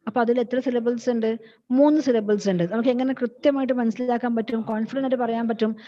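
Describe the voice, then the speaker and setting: A woman's voice: fairly high pitch, fairly even intonation, quick pace, dark tone. A woman with a Malayali accent giving an online English lecture, patiently explaining each point and repeating example words while mixing English and Malayalam. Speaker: college English teacher. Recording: dull lo-fi audio.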